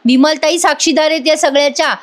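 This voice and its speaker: A woman's voice: sits high, fairly even intonation, quick pace, voice pushed up, close to an everyday voice. A woman voicing a young wife who answers firmly and directly. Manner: firm, direct. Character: calm, steady young wife Sayali.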